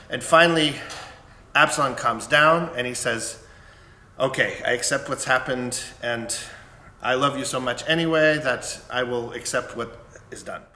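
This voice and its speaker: A man's voice: mid-range voice, bright, forceful tone. A man, a conductor, casually retelling an opera plot and briefly acting out the characters' lines. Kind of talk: casual spoken introduction. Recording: echoey room with faint noise.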